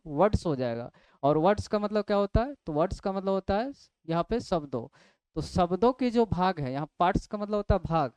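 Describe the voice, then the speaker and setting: High-voiced man teaching grammar. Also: darkish tone, clean tone, dry recording. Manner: explains step by step, asks and answers his own questions. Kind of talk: classroom lecture.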